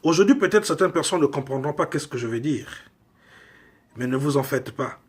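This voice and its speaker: A man from Congo delivering a slow, emphatic sermon full of rhetorical questions. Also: on the high side, animated, slightly rough. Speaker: preacher.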